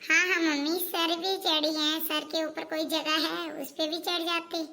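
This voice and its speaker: A woman playing a jealous, sharp-tongued elder daughter-in-law, sulky and sarcastic. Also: sits high, level tone, moderate pace, lightly acted. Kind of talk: homemade family skit.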